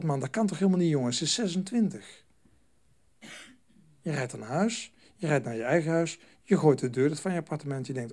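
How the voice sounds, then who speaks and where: A man working as a stop-smoking trainer, giving a lively talk to a group and acting out voices as he goes. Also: on the high side. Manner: animated, acts out voices and phone calls.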